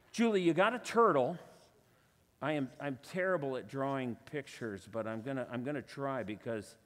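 Working with an audience volunteer, a man does stage illusions for a live church crowd, keeping up chatty patter that pokes fun at himself and is sprinkled with playful asides. His medium-pitched voice has a fairly bright tone, trailed by a long reverb tail.

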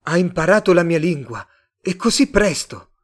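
A man voicing a startled male human traveler in an audiobook, raising his voice in loud exclamations. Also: high voice, expressive, moderate pace, voice pushed up. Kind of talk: audiobook character voice.

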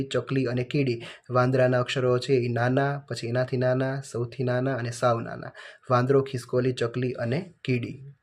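A man teacher, reading out workbook answers to children in a flat, list-like way. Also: mid-range voice.

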